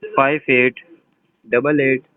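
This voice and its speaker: Man, over the phone, thin dry call sound, slow, hesitant, questioning. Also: medium pitch, flat delivery, no room sound. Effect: heard over a phone line. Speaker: bank customer receiving a call.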